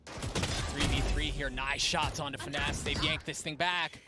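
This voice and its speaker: A man casting esports live, doing excitable play-by-play with dramatic phrasing. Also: on the high side, measured pace, loud music behind the voice. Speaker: esports caster.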